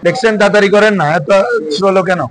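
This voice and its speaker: The high-pitched madrasa teacher speaks quickly in a Bangladeshi Bengali accent, and the recording quality is low. Teaching an Arabic grammar class in Bengali, he keeps firing the same questions at his students.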